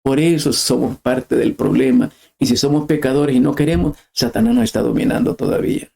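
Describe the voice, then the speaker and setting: A man's voice: medium pitch, fairly quick, gravelly, warm tone, breathy edge. A middle-aged man preaching a sermon, impassioned and emphatic, rising to cries.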